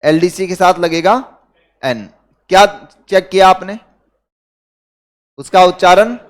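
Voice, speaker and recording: A man with a high voice and an Indian accent lectures a class, constantly posing rhetorical questions to his students. His voice comes through smooth and clear. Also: slow pace. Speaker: teacher.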